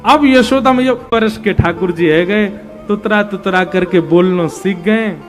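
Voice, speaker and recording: A male preacher tells devotional tales at an unhurried pace in a fairly high voice. He lovingly acts out the figures in his stories. Faint devotional music plays behind him. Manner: tells tales lovingly, leads the crowd in chanted song. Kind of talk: devotional storytelling sermon.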